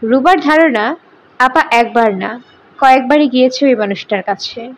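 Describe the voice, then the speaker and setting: High-voiced woman reading a novel aloud. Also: normal speed, rough recording. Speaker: audiobook narrator.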